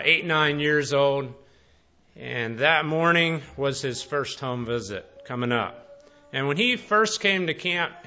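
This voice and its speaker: A man preaching a storytelling sermon in a folksy, conversational way, with many pauses and fillers. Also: medium pitch, sharp tone, muffled recording. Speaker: pastor.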